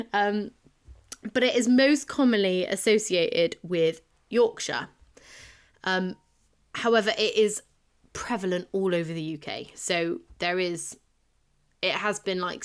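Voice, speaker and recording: A woman's voice: mid-range voice, clear, resonant tone. A young woman from Bristol with a Bristolian accent, co-hosting a podcast and presenting folklore research in a chatty, self-deprecating way. She sounds very tired. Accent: Bristolian English. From Bristol, England. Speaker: podcast co-host.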